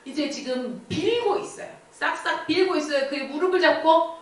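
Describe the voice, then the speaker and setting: A woman preaching to a youth group, retelling a scripture story with lively questions to the students. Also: high-pitched, moderate pace. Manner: animated, asks the listeners questions. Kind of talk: storytelling sermon. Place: church. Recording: echoey church hall from far off.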